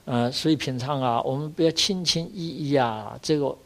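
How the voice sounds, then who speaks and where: An older man, a Buddhist monk, giving an earnest dharma lecture, exhorting his listeners and filling pauses with drawn-out sounds. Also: mid-range voice, a bit bright.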